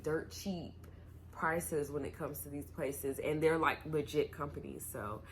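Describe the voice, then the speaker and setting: A woman's voice: low-pitched, a bit bright, slight background noise. A young woman from North Carolina, chatting casually to viewers as a vlogger in a tipsy, giggly, rambling way. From North Carolina, United States. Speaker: YouTuber host.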